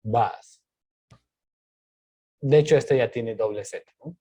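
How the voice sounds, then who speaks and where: A man's voice: medium pitch, slow, mellow, breathy edge. A male teacher patiently explaining grammar rules step by step, asking and answering his own questions. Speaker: English teacher.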